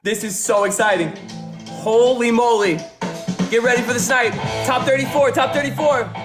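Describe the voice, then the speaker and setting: A man hosting a livestream, repeating phrases and shouting countdowns to rally his viewers. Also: very high-pitched, brisk. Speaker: livestream host. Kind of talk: hyping viewers during a live battle. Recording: echoey room with faint music.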